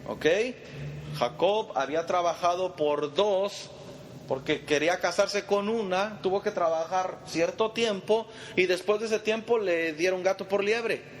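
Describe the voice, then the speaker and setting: High-voiced man teaching a Bible study. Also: measured pace. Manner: quizzes the group and calls them brother. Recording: long reverb, faint background noise.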